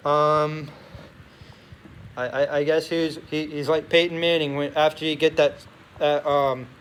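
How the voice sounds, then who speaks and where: A man's voice: on the high side, level tone, fairly bright tone. A young man chatting casually as a sports vlogger in a locker room, rambling and often correcting himself. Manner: halting, rambling, self-correcting. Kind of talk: casual chat to camera. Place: locker room beside a noisy gym. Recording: noisy locker room ambience.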